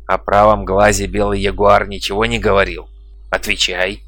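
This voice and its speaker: A man's voice: lowish voice, level tone, moderate pace, a bit bright, no room sound, lightly acted. A man voicing a cruel old male shaman who taunts and cackles, in an audiobook reading. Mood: mocking.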